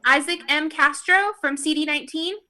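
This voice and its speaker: High, bright woman calling a slow roll. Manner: slow, careful reading of names, with apologetic asides and laughs. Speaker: meeting roll-call reader. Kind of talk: reading a roll call on a video call. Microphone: video call.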